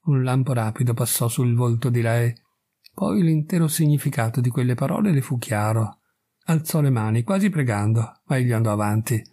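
Gravelly Italian male audiobook reader. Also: mid-range voice, warm tone. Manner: measured, dramatic reading. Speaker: narrator. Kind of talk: audiobook story reading.

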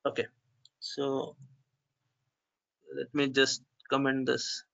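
Bright-voiced North Indian man teaching. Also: mid-range voice, monotone, takes it slowly, creaky. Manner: often checks understanding with okay and right. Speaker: programming teacher. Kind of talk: informal step-by-step screen-share tutorial. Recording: dull, lo-fi online call audio.

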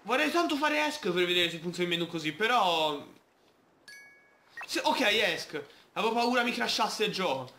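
A man's voice: high-pitched, expressive, normal speed, bright, forceful tone, roomy sound, slight background noise. A man playing a video game, chatting playfully and reading the game's text aloud. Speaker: gamer. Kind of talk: Let's Play commentary.

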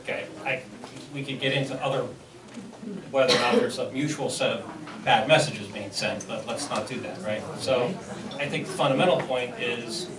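A man on a school board answering a resident at a public meeting, measured and explanatory, with frequent restarts. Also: mid-range voice, a crowd in the background. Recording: echoey room from far off, noisy.

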